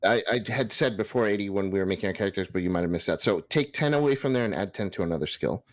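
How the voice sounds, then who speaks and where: A man's voice: on the low side, lively intonation, quick pace, no room sound. Young man running a tabletop game. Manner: hesitant, many ums, laughs. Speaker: game master.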